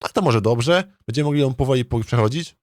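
Here the same kind of game streamer, a man with a mid-range voice, talks fast on a dry, clean studio recording. As a let's play host, he chats casually and muses aloud, stumbling, rambling, and frequently repeating himself.

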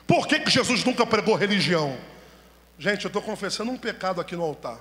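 A man preaching a sermon from the altar, animated, firing rhetorical questions and calling for amens. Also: sits high, a little fast. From Brazil. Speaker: pastor preaching. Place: church sanctuary, at the altar. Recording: echoey church hall reverb.

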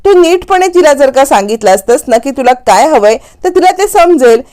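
A woman voicing a calm, sensible older woman soothing an angry young man. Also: high-pitched, moderate pace. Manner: soothing, reasoning.

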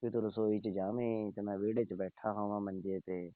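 Low-voiced man on a phone line. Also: fairly even intonation, moderate pace, no room sound. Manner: coaxing, pleading. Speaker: caller. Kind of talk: phone call.

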